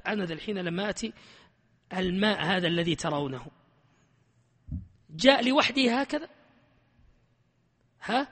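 A man teaches a classroom grammar lesson in an animated, emphatic way, quizzing students constantly. His voice sits high. The room is a reverberant hall with a long ringing tail.

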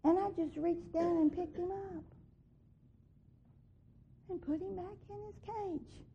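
A woman's voice: very high voice, fairly even intonation, takes it slowly, vocal fry, mellow. A woman giving an earnest personal faith testimony, growing emphatic when she repeats what she believes God told her. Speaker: testimony speaker. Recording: dull lo-fi recording.

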